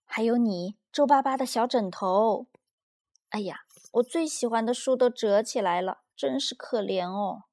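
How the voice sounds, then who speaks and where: A woman voicing an angry little boy in a storybook reading, with high, loud, indignant shouting. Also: unhurried. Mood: soothing, tender.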